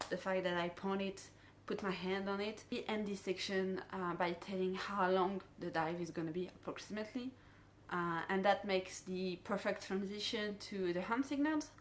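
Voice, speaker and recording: A woman's voice: mid-range voice, a little hiss or hum. French-accented woman giving a dive safety briefing. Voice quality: non-native English phrasing. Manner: explanatory safety briefing delivery, addressing divers directly. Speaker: dive guide and instructor. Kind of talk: instructional dive briefing talk.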